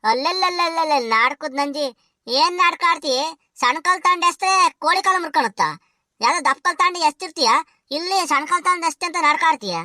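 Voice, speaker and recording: Lady doing a high bright old cartoon granny, rural karnataka kannada accent, yells threats nonstop. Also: animated, quick pace, no room sound, studio quality, heavily acted. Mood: mocking. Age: older. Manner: shrill scolding, threatening. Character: loud quarrelsome old village grandmother. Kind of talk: cartoon comedy voice acting.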